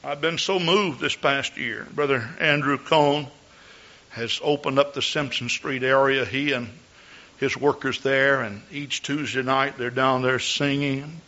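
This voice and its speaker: A man's voice: medium pitch, steady tone, measured pace, bright, forceful tone. A man speaking as a pastor, addressing and exhorting his Pentecostal congregation. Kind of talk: Pentecostal church sermon and exhortation. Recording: dull, lo-fi church recording.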